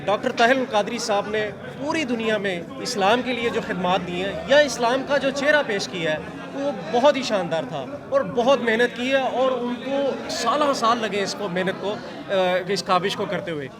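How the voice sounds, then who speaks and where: A male reporter puts earnest, halting questions to a guest outdoors, pausing as he searches for words. His voice is high, and a busy crowd murmurs clearly behind him in the city street.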